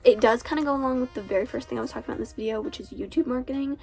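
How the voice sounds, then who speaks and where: A teenage girl with a cold talks in a fairly high, racing voice that sounds gravelly, darkish, stuffy and nasal. She's an author and booktuber chatting casually and stuffing her speech with "like," while faint music plays behind her.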